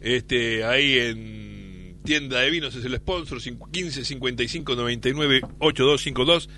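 An Argentine radio host in his fifties trades casual, jokey, slangy banter and leans on repeated catchphrases. He speaks at normal speed in a medium-pitched voice with a sharp tone.

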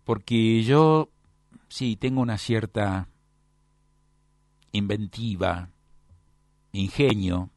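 A man's voice: lowish voice, extremely slow, pauses often, darkish tone, no room sound, studio quality. A man teaching a lecture, often checking with his class.

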